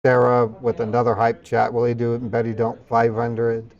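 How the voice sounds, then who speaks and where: A male livestream host works through subathon hype, calling out donor names and amounts. His delivery is casual, with appreciative exclamations between the lists. His pitch is average, and the audio is slightly dull and lo-fi. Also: completely flat delivery, moderate pace, darkish tone. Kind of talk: subathon hype, rapidly reading out donations and thanking viewers.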